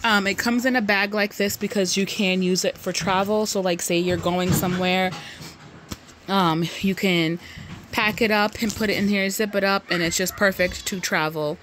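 A woman's voice: mid-range voice, fairly even intonation, moderate pace, a bit bright, a little hiss or hum. A young woman chatting casually in a home vlog, a little out of breath, with lots of ums and restarts. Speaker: vlogger.

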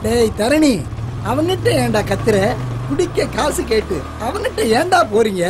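A man's voice: extremely high pitch, sing-song, normal speed, background noise. Preachy old man. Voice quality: preachy, moralizing. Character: elderly man lecturing drunks on debt. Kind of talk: Tamil film comedy acting.

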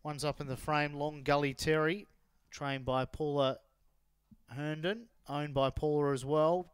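Clear Australian man announcing race results. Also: on the high side, steady tone, unhurried, dry recording. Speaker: race caller.

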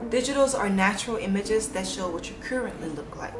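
A woman's voice: medium pitch, lively intonation, fairly quick, background noise. Playful girl in her 20s chatting to the camera, roomy echo. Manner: playful, bubbly, jokey asides. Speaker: beauty and modeling vlogger. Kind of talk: casual chat to camera. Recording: echoey room with music playing. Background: music.

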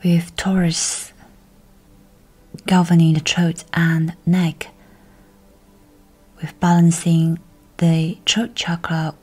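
A woman with a deep voice leads a guided meditation, speaking softly, breathily, and in a whisper, with a gentle, measured, soothing delivery.

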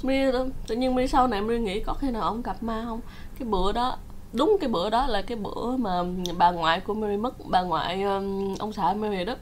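A woman's voice: mid-range voice, fairly quick, slight background noise. A woman vlogger casually telling her viewers a story, chatty, laughing often and acting out the quotes. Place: home in Canada.

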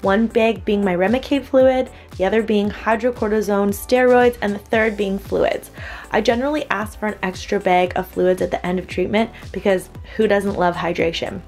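A woman in her twenties with a mid-range voice vlogs to a handheld camera held at arm's length, explaining things in a friendly, chatty manner. She starts upbeat in a city alley outdoors, then turns quieter and drowsy in a bedroom, groggy after a treatment.

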